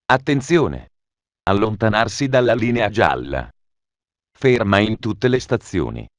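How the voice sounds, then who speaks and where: A man's voice making automated train station announcements, formal and measured, with phrases stitched together. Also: lowish voice, animated, no echo, studio quality.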